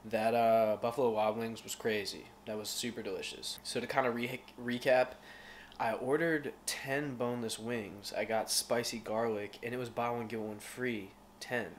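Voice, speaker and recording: A fitness vlogger in his twenties talks casually to his phone camera from a car, a restaurant, and his home kitchen, laid-back, upbeat, and full of slang. His mid-range voice holds a steady tone at a moderate pace, with slight background noise.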